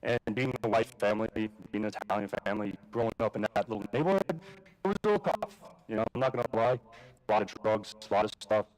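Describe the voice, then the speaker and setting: The audio is poor, and the man's fairly low voice moves fast. Originally from Jamaica, Queens, New York, and a father to a daughter, he speaks casually at a live conference, telling a personal story riddled with fillers, restarts and curses.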